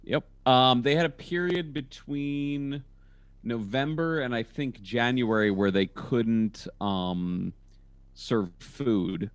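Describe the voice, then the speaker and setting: A man chatting over a video call about his comedy work, jumping up in pitch whenever he quotes people in his stories. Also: slow, smooth, no room sound. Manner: animated storyteller with sudden pitch jumps when quoting people. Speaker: comedian and comedy label engineer. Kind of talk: casual video-call podcast chat. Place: home in a college town.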